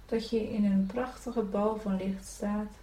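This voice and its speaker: A woman leading a guided spiritual meditation, giving gentle, soothing instructions to breathe and relax. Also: mid-range voice, level tone, measured pace. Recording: echoey room, from a distance.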